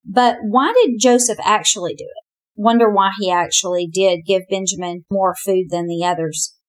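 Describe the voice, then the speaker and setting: A woman's voice: medium pitch, moderate pace. Woman teaching a chatty Bible lesson. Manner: chatty, animated, often says "you know".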